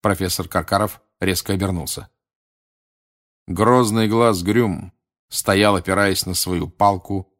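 A man reading a bedtime storybook aloud, narrating in a calm, even way. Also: low-pitched, a little slow. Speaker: audiobook reader.

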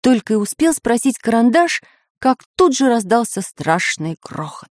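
A woman narrating a children's audiobook in an expressive storytelling voice. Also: on the high side, moderate pace, dry recording, clean studio sound.

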